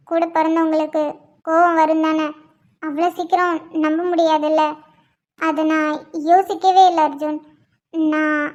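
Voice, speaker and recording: A woman voicing Nila, a gentle, forgiving young wife and new mother in a cartoon, speaking softly and cheerfully. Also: very high-pitched. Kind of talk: cartoon voice acting.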